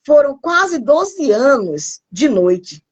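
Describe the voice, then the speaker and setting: A middle-aged woman preaching on a live stream in a slightly high voice. She tells her testimony with deep emotion and repeats phrases for emphasis. At times her voice nearly breaks into tears. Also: big pitch swings, extremely slow, highs cut off. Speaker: pastor.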